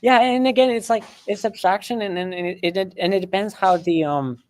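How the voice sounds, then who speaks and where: A non-native English-speaking man co-hosts a live coding stream, talking in a high, brisk voice with a darkish tone and no echo. He explains things chattily, restarting often, using lots of fillers, and laughing frequently.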